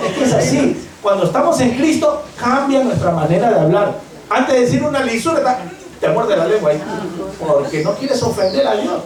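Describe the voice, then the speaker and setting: Peruvian pastor preaching in an echoey church. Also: male voice, high-pitched, distant mic. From Peru. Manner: impassioned preaching, acting out quoted voices. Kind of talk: sermon. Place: church hall.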